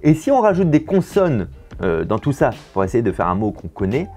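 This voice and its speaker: A man hosts a casual teaching video, and his pitch swings widely and expressively as he explains. He often restarts and repeats words mid-sentence, with faint music under his voice. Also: sing-song, fairly quick, mellow. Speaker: host explaining memory tricks.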